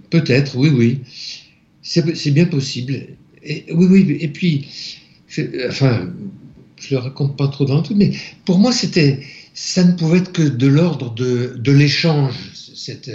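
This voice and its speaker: A man from France, an interview guest, softly recounting a personal spiritual experience, halting and searching for his words. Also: mid-range voice. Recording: echoey, slightly dull room recording.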